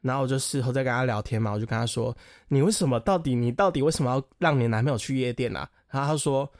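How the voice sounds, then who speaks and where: A man's voice: mid-range voice, fast, no echo, studio quality. A man co-hosting a podcast in casual chat, chatty and eager, laughing often as he retells a friend's story. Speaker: podcast co-host.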